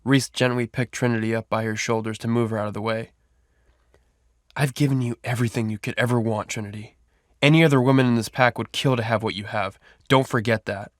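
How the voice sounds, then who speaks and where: A man's voice: mid-range voice, fairly even intonation, fairly quick, no room sound, close to an everyday voice. Guy voicing a cold alpha werewolf boss, condescending, dry close audio drama sound. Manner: cold and dismissive.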